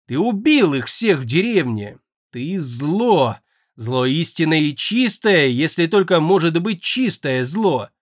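A man's voice: big pitch swings, takes it slowly, no room sound, studio quality, full character voice. A man voicing a young male air mage who is frightened, tearful and pleading, in an audiobook. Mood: accusing. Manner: pleading, shrill and anxious.

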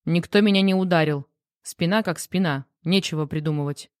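A woman's voice: lowish voice, fairly quick, a little mellow, no echo, studio quality, natural voice. A woman reading the part of a rattled, irritable grown man who answers curtly in an audiobook. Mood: snapping. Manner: curt, defensive replies.

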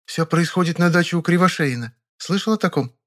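A man's voice: fairly high pitch, fairly quick, a bit bright, voice pushed up, lightly acted. A man voicing a chatty, flirtatious woman in her thirties who coaxes and whines when refused, in an audiobook reading. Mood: eager. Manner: coaxing, whiny when refused.

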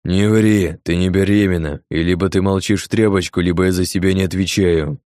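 A man's voice: steady tone, brisk, darkish tone, no room sound, clean studio sound, lightly acted. A man voicing a brutal, threatening bearded village man in an audiobook. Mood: menacing. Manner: low, threatening. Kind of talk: audiobook character voice.

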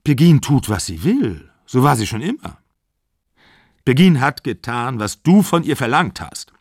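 A man playing a calm, firm middle-aged father speaking in a measured, cool way. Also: medium pitch, creaky, no echo, clean studio sound.

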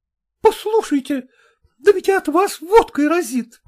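A woman voicing a quarrelsome, bossy woman who scolds loudly and indignantly. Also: high-pitched, very animated, normal speed, pitched above the performer's own voice. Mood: indignant scolding.

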